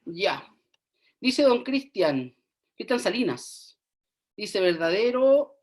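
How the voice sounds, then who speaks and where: A woman's voice: mid-range voice, sing-song, slow, a little mellow. Woman lecturing an online class. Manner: checks in often with "¿ya?" and thinks aloud with hums. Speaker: university lecturer. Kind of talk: online class, going over quiz answers.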